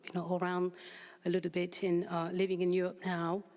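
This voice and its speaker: A woman from Haiti gives an unscripted personal account as a panel speaker at a public forum, searching for words as she goes. Her voice is on the low side, monotone, darkish and a little fast, echoing in a large reverberant hall.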